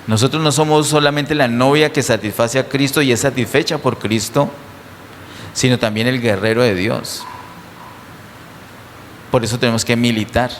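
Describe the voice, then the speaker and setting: A man's voice: medium pitch, steady tone, moderate pace, long pauses, slight background noise. A man preaching a sermon to his congregation, emphatic and full of rhetorical questions, in a church. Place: church hall. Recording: distant sound with long hall reverb.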